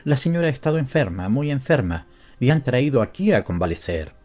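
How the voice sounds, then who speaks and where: A man reading the part of a calm nanny reassuring her mistress, in an audiobook. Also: medium pitch, brisk. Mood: soothing.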